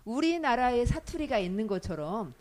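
A woman hosting a casual community radio chat, lively and quick to laugh. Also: fairly high pitch. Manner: lively, laughs often, plays out quick examples. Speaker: radio host.

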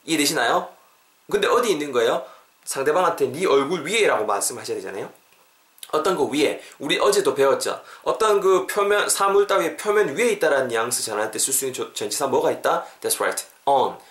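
A man's voice: a little high, big pitch swings, a little fast, fairly bright tone, reverberant. A Korean man teaching an English expression on a podcast, drilling phrases for listeners to repeat.

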